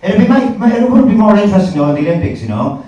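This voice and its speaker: An Irish man does live stand-up at an indoor comedy gig, telling stories in a chatty, sweary way. His voice sits high and sounds mellow with the highs cut off, and he races along, very animated. The club recording is echoey, noisy and captured from a distance.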